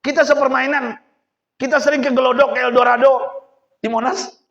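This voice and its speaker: A preacher playing a loud, mocking young man. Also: very high-pitched, fairly even intonation, moderate pace, creaky, pitched above the performer's own voice, exaggerated voice. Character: brash young man confronting old friend. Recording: roomy, dull sound.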